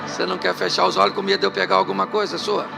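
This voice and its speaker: Racing over music, a middle-aged Rio de Janeiro pastor with a Carioca Portuguese accent preaches a comic live sermon to his congregation in a church hall, full of jokey tales and rhetorical questions. His high-pitched voice is creaky and his delivery flat.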